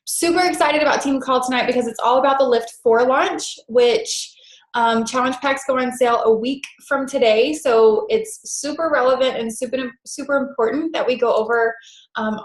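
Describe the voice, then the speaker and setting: A woman with a stuffy head cold hosts a team conference call with announcements as leader of a coaching group. Her voice sits on the high side, and she sounds upbeat, chatty and enthusiastic, dropping plenty of "super"s and "um"s. The audio is poor and reverberant.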